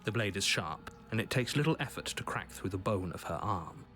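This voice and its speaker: Low-voiced stern game narrator. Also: male voice, animated, a little fast, pushed and bright, soft background music. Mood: reluctant, grave. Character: stern, disapproving, exasperated male narrator with grave storyteller delivery. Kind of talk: dramatic video game narration.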